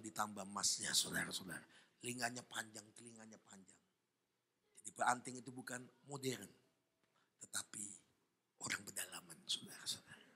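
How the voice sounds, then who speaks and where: A man preaching a fervent sermon at a church service, jumping between shouted praise and hushed asides. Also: lowish voice, breathy edge. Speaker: pastor.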